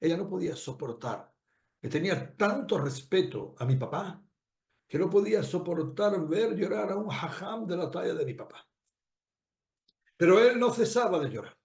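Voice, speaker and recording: A man, a rabbi, telling a moral story in a sermon, animated, with repeated phrases and rhetorical questions put to his listeners. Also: high voice, normal speed, reverberant.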